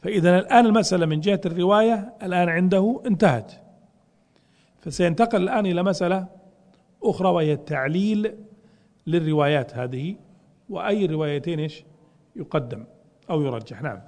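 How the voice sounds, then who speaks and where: رجل يشرح نصًا في درس، ويطرح أسئلة ثم يجيب عنها بنفسه. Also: male voice, sits high, quick pace, pauses often, darkish tone, in a large hall. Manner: explains with questions he answers himself. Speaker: teacher explaining a classical text. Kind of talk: lecture.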